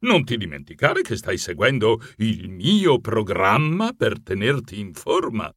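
A bossy, fussy mouse fitness coach from a storybook, as a man reading aloud puts him on. He lectures slowly in a voice pitched below the reader's own. The recording is dry and close. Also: sing-song, fairly bright tone, breathy edge, no room sound, heavily acted. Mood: lecturing.

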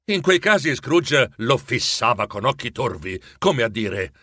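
A man narrating a storybook in an expressive, animated way. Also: medium pitch, measured pace, slightly rough, no echo, clean studio sound.

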